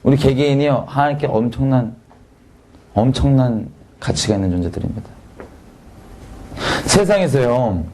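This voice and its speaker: A man preaching in a casual, conversational way, asking the audience many rhetorical questions and swinging his pitch up and down for emphasis. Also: animated, moderate pace, pauses often, dark tone, a little hiss or hum. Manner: sudden swings between raised and dropped pitch for emphasis. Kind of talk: sermon.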